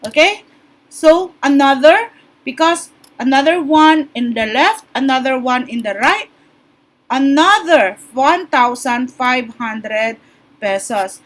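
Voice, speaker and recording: A woman presents a business opportunity in an instructional way. Her voice is high and her delivery is slow and deliberate. She repeats key points and punctuates them with short check-in tags. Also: expressive. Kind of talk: explanatory sales presentation.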